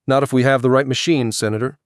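A man reading the part of a male scientist who explains his work in a patient, measured way in an audiobook. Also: medium pitch, steady tone, dry recording, studio quality, voice pushed up, natural voice. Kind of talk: audiobook character voice.

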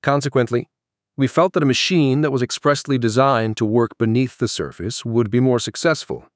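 A patient male scientist laying out his explanations calmly and clearly before a committee, as a male narrator voices him. The voice is middle-pitched and close, with a dry sound. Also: normal speed, no room sound, natural voice. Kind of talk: audiobook character voice.

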